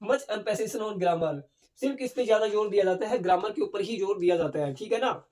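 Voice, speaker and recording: A male teacher gives an exam-prep lecture, asking questions and then answering them himself, and he keeps adding "theek hai na". He reads the English points out slowly in a voice that sits high and sounds a little mellow.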